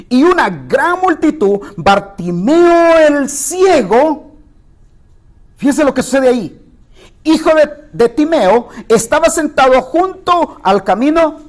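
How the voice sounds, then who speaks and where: A man's voice: very animated, a little slow. A male pastor teaching a Bible study sermon, reading verses aloud and breaking off to address his listeners. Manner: reads scripture aloud with asides to the listeners; rises in pitch when quoting the blind man's cry.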